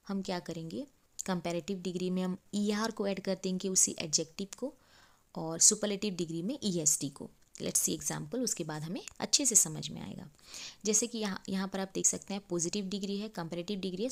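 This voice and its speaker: Slightly gravelly woman teaching grammar. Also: medium pitch, darkish tone. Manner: slow, step-by-step explanation with repeated rhetorical questions. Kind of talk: explaining a grammar lesson.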